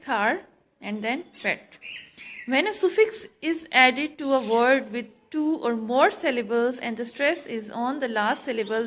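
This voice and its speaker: A woman teacher with an Indian English accent, giving a grammar lesson in a slow, deliberate way, quizzing students and repeating answers. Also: sits high, fairly bright tone. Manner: mixes Hindi and English.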